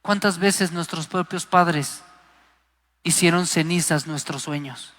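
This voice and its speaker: A man's voice: a little high, slow pace, fairly bright tone. A man preaching a Pentecostal sermon, passionate and emphatic, acting out the voices he quotes. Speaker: guest preacher. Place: live church service. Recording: long hall reverb.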